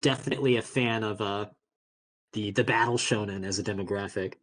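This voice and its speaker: A man doing relaxed commentary on a video game tournament stream, often restarting his sentences. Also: on the low side, rough recording. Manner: relaxed, halting, many restarts. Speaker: esports commentator.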